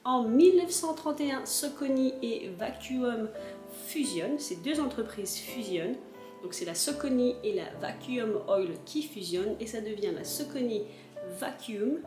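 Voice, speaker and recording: A woman's voice: a little high, expressive, measured pace, echoey room, music in the background. A woman vlogger chatting casually as she explains a history, with frequent hesitations.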